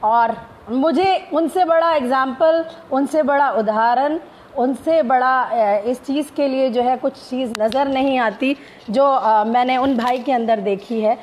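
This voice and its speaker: Woman live stream host, high voice, formal greetings, hesitant, faint background noise. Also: measured pace. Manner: formal Urdu-inflected greetings, many hesitations.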